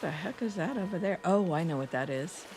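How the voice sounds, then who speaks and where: Chatty woman with a gravelly fry. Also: on the low side, animated, brisk, a little mellow, soft background music. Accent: US East Coast. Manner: rambling, chatty, laughs often, reads chat aloud. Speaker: gaming streamer. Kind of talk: casual let's-play chat.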